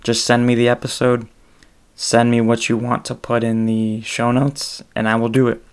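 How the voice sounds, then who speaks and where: A man's voice: medium pitch, monotone, moderate pace, clear, resonant tone. A man hosting his own podcast alone, talking in a loose, rambling way with many hesitations. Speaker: solo podcast host. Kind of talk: casual solo podcast monologue.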